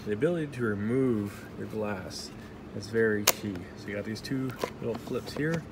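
A man gives a casual, off-the-cuff review of his welding helmet in an indoor workshop, filming on a phone held in his hand. His voice is on the low side, and he rambles haltingly, correcting himself and cracking small jokes, with background noise audible.

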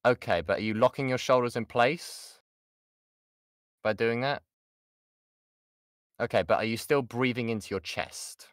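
Here a British voice actor leads a casual voice acting workshop, answering questions with a medium-pitched voice, a slightly slow pace, and long pauses. He often starts sentences over and leans on important points. He's close-miked on an online voice chat, and the sound is clean with no room tone.

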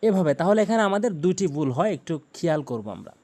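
Man, Bangladeshi Bengali accent, Quran recitation teacher, plain explanations, slow melodic chanting. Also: sits high, sing-song, warm tone. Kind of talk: tajweed lesson with recitation.

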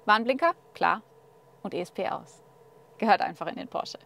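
A woman's voice: medium pitch, expressive, moderate pace, vocal fry, fairly bright tone. A woman presenting a car walkthrough from inside the car, talking to viewers in a chatty, upbeat way. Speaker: car reviewer.

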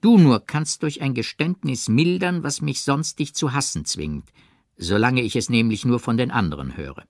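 A man reading an audiobook, voicing a jealous gentleman lover who presses with falsely gentle persuasion. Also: medium pitch, expressive, normal speed, dry recording, studio quality, pitched above the performer's own voice, close to an everyday voice. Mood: persuasive.

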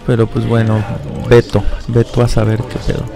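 A young Mexican-accented man comments casually on his game with some fry in his voice. He is informal, tosses in English slang, and has game music playing behind him. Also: medium pitch, completely flat delivery, normal speed. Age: young adult. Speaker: gaming streamer. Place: indoor room at a computer, webcam.

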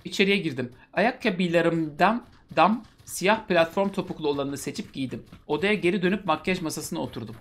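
A male host reads a story aloud for laughs, breaking off between passages for mocking asides. His voice is a little high, animated, and fairly bright, at normal speed with few pauses.

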